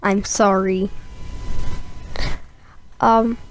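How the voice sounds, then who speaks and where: A woman's voice: mid-range voice, little pitch movement, very slow, a little hiss or hum. A young woman giving a casual, rambling voice-over of her gameplay, full of fillers and asides. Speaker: gameplay narrator.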